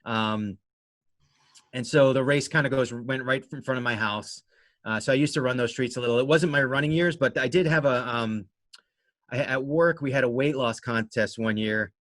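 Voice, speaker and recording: A man talks casually as an interview guest, at a middling pitch. He rambles along in a conversational way and is modest and self-deprecating about himself. The sound is dry, with little room in it. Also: moderate pace, a bit bright, no echo. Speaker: interview guest, amateur runner and race organizer.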